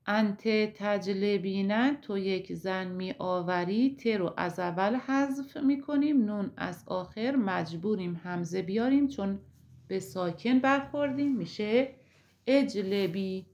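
A woman with a Persian accent, teaching an Arabic grammar lesson slowly and step by step. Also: medium pitch, a little mellow, lo-fi sound. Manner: slow, deliberate, explaining step by step.

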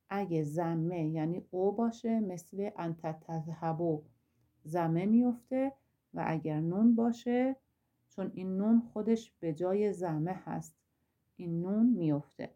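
A woman's voice: on the low side, warm tone, muffled recording. A woman teaching a grammar lesson, explaining step by step with drill examples and asking rhetorical questions.

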